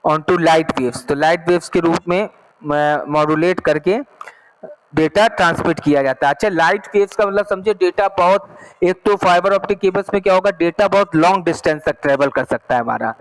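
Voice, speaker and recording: High-voiced male teacher explaining slowly. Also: poor audio. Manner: explains slowly, reads English text then repeats in Hindi; checks understanding often. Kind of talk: online class lesson.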